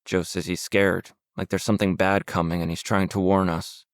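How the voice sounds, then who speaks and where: A man reading the lines of an aloof, wealthy woman medium in an audiobook, in a measured, cool and slightly haughty way. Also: sits low, level tone, no echo, clean studio sound.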